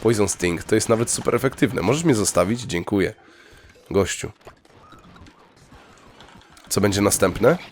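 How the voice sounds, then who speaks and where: A young man giving casual gameplay commentary, chatty and excitable, breaking into sudden high yelps when thrilled. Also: measured pace, pauses often, slight background noise. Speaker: let's play gamer.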